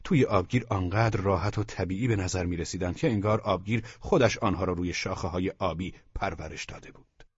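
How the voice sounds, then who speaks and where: A deep-voiced man reads a literary novel in a calm, measured storyteller's delivery that often drops to a soft near-whisper. His tone is husky, and the recording is dry, dull and lo-fi. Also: no echo. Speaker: audiobook narrator. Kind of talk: scripted literary narration.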